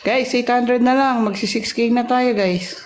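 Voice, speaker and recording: A woman's voice: on the high side, steady tone, a little slow. A woman hosting a casual livestream off camera, chatting, greeting and thanking viewers, and teasing them playfully. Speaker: livestream host. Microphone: phone, off camera voice-over.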